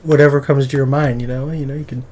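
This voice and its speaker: A man's voice: medium pitch, flat delivery, fast, warm tone, a little hiss or hum. Teasing young man, mid voice. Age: young adult. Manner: teasing, pushy questions. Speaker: podcast co-host. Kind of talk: casual chat.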